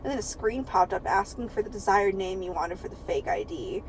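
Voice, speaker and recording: A woman's voice: medium pitch, lively intonation, brisk, a little hiss or hum, low-quality recording. A woman co-hosting a podcast, reading a book aloud for laughs, giggling often and swearing freely. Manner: giggly and profane, breaks into laughter while reading. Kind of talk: comedic read-aloud with banter.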